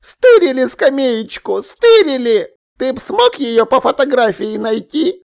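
A man voicing a fussy, gossiping elderly woman neighbor in an audiobook, with a scolding, conspiratorial manner and drawn-out exclamations. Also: extremely high pitch, big pitch swings, vocal fry, pitched above the performer's own voice, exaggerated voice. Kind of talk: audiobook character voice.

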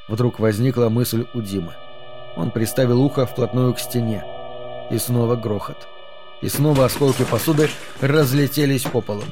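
A man narrating an audiobook in a calm, measured way. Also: mid-range voice. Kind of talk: scripted narration.

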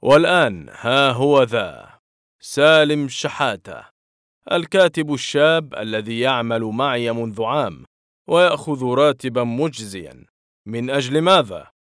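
A man's voice: mid-range voice, lively intonation, measured pace, fairly bright tone, dry recording. A man voicing a stern middle-aged office director who scolds in a firm, dry tone. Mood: cold.

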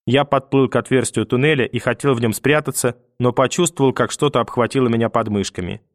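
A man reading a novel aloud as first-person narrator, steady and even. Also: mid-range voice, fast, no room sound, clean studio sound. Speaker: audiobook narrator. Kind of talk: scripted narration.

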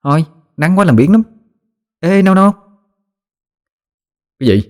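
A man's voice: sits high, big pitch swings, normal speed, darkish tone, pitched above the performer's own voice. A man voicing a chatty, bossy young village girl with a Southern Vietnamese accent. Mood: teasing.

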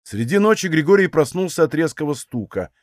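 A man narrating a novel in an expressive, dramatic reading style, recorded close to the mic. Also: fairly high pitch, fairly quick, dry recording. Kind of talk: audiobook narration.

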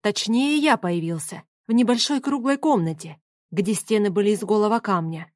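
A woman reading a first-person story as an audiobook narrator, in an even storytelling manner. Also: medium pitch, normal speed, no room sound, clean studio sound.

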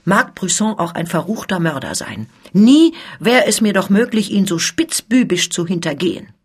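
A woman voicing an elderly, dignified noblewoman in a dramatic reading, with a husky, fairly low voice. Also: big pitch swings, measured pace, exaggerated voice. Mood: indignant. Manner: indignant, dignified speech.

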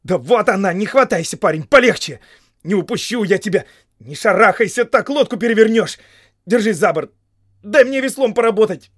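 A man's voice: on the high side, lively intonation, normal speed, darkish tone, no room sound, clean studio sound, voice pushed up. A man voicing an earnest, weary young male hobbit who speaks in a firm, urging way in an audiobook. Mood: urgent. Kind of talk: audiobook character voice.

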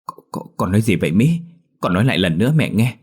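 A man's voice: lowish voice, animated, brisk, darkish tone, breathy edge. A man voicing a worried middle-aged country mother who pleads and frets over her daughter. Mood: alarmed. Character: middle-aged rural mother, anxious and grieving.

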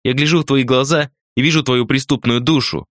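A man voicing a distraught noblewoman who speaks in a hoarse voice and hurls an accusation. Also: mid-range voice, fairly even intonation, brisk, fairly bright tone, no echo, clean studio sound, voice pushed up, close to an everyday voice. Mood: accusing.

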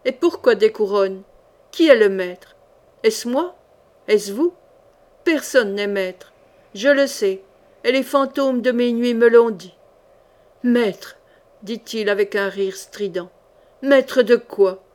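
Woman doing a mad king, raspy and thunderous, raving at his court, audiobook read. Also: a little high, slow, pauses often, darkish tone. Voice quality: raspy, powerful voice. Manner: ranting, thunderous outbursts. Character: mad middle-aged king, raving and bitter.

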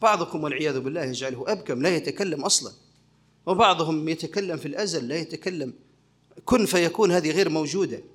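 A high-voiced sheikh moves quickly through a religious lecture, keeping listeners engaged by raising questions and supplying the answers himself. Each point builds in a teaching rhythm, delivered in a somewhat bright, breathy voice.

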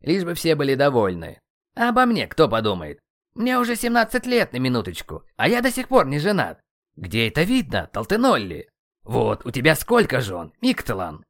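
A man voicing a complaining, hot-headed teenage Aztec warrior in an audiobook, loud and high. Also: wildly swooping pitch, moderate pace. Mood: indignant. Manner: complaining, shouting.

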